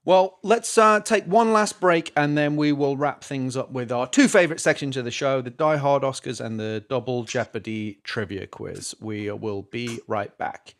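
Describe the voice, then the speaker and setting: A man's voice: medium pitch, moderate pace, few pauses. A man hosting a podcast, talking in a rambling, self-interrupting way. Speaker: podcast host. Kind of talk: casual podcast chat.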